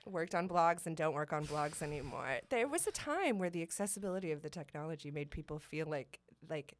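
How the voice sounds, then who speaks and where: A woman with vocal fry chatting casually and candidly as an interview guest, in an informal, rambling way peppered with "like". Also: sits low, lively intonation, fairly quick, slight background noise. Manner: informal, rambling, heavy use of "like". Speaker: interview guest, blogger and social media creator.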